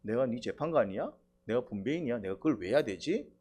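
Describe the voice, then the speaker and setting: A pastor voicing Jesus gently scolding a greedy man with wry, mock-scolding retorts. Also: medium pitch, lively intonation, fast talker, breathy edge, pitched below the performer's own voice. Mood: teasing.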